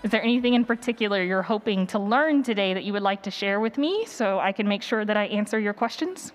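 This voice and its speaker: Quick-paced and medium in pitch, a woman presenting a workshop exchanges light, playful conversation with her audience prior to the talk. She's on stage at a live conference session, where noticeable background noise and event ambience can be heard.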